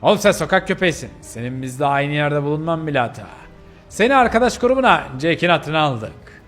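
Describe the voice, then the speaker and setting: A man's voice: fairly high pitch, big pitch swings, brisk, a bit bright, faint music behind. A man voicing a cocky bully dog who mocks a stray in a game role-play. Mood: mocking. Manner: mocking, boastful.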